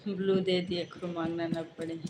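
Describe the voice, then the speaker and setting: A woman chats casually with her livestream viewers, greeting each by name and replying to their comments. Her voice sits low and stays fairly level. The sound is echoey, with steady background noise. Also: normal speed. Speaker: livestream host. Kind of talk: casual live chat with viewers.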